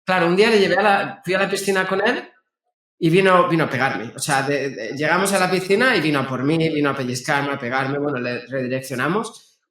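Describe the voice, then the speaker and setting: A man, speaking as a guest therapist in a conversational, halting way with frequent restarts. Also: a little high, a bit bright. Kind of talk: conversational explaining. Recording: roomy echo.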